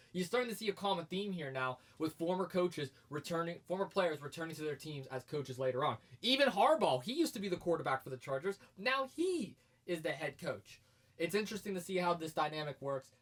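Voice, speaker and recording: A man co-hosting a sports podcast, chatting casually and getting emphatic and hyped as he argues his points. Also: fairly high pitch. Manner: energetic and emphatic, gets loud and hyped.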